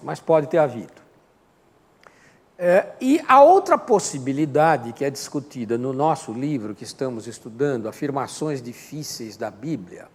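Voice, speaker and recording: Teaching Sunday school, an older man with a Brazilian accent gives an informal, didactic Bible lesson, often raising a question and then supplying the answer. His voice sits a little high and sounds a little mellow, carried by a long reverb like that of a hall.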